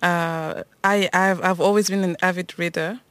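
A woman's voice: on the low side, fairly even intonation, normal speed, fairly bright tone, dry recording. A woman from Cameroon co-hosting a podcast, talking casually and reflectively, with frequent restarts and hesitations. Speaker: podcast co-host. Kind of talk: casual conversation between friends.

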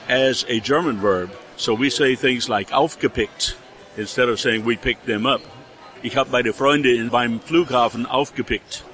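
An older man, a retired teacher, explaining things in a measured way during an interview outdoors. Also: medium pitch, sharp tone. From Texas.

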